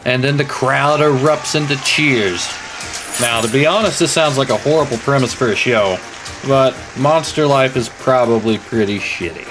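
A man's voice: mid-range voice, normal speed, poor audio. A man runs a tabletop game, narrating casually in a mid-range voice. Light music plays behind him as he sets the scene for players. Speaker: game master.

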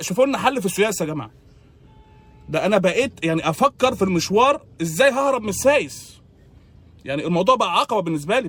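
A man's voice: high-pitched, a bit bright. A man with an Egyptian accent, delivering a comedic monologue in an exasperated, sarcastic complaining tone. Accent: Egyptian Arabic.

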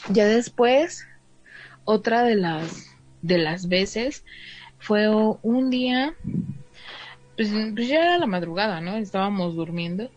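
A woman's voice: medium pitch, a little mellow. A woman with a Mexican Spanish accent casually telling a story to a listener, filling in with little asides and playing out the dialogue. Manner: chatty, fills in with "o sea", acts out the dialogue. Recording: slightly dull sound with faint noise.

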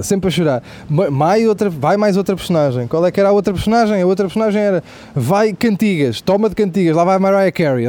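A young man with a European Portuguese accent telling a profane, animated comic story as the host of a stand-up comedy show. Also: high-pitched.

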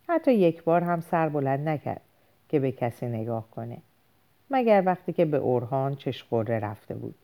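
Low dark-voiced woman reading a novel. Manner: measured, dramatic. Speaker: audiobook narrator.

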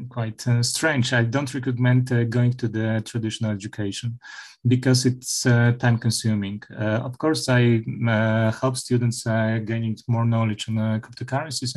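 Middle-aged male professor, halting interview answers full of fillers. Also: medium pitch, a little mellow. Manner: hesitant, many filler sounds and restarts. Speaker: university professor, interview guest.

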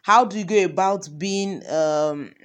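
A woman's voice: medium pitch, a little slow. A woman teaching an informal parenting lesson, talking conversationally with many example questions. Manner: conversational, asks many example questions, frequent ums and you knows.

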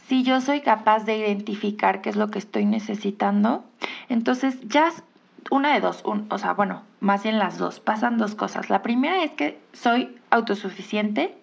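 A woman's voice: fairly high pitch, creaky, dull audio. A woman with a Mexican Spanish accent hosting a podcast, talking in a reflective, encouraging way and asking rhetorical questions. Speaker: podcast host. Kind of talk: reflective casual monologue.

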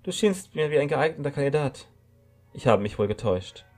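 A man's voice: on the high side, expressive, a little fast, darkish tone, soft background music, pitched above the performer's own voice. A man doing a snippy, commanding rebel woman. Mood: firm, cool. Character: stern red-haired woman around thirty, armed rebel.

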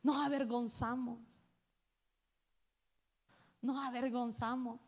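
A woman pastor, preaching a sermon to her church, swinging between loud calls to the congregation and hushed asides. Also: a little high, level tone, slow pace.

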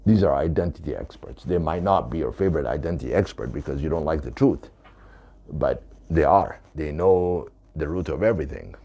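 Very deep gravelly man, emphatic. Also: animated, fairly quick, mellow. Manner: emphatic, repeating points. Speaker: author. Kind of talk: talking to camera about his book.

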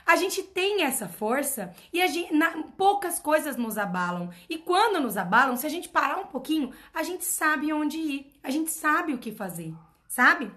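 A woman's voice: sits high, big pitch swings, normal speed, bright, forceful tone. A woman mentoring her followers in an emphatic motivational talk. She repeats her points and keeps asking rhetorical questions. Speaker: personal development mentor.

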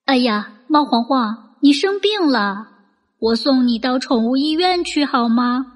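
A woman's voice: high voice, animated, measured pace. A woman voicing an earnest, kind little boy who loves cats in a children's bedtime story. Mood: concerned. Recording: long reverb with music bed.

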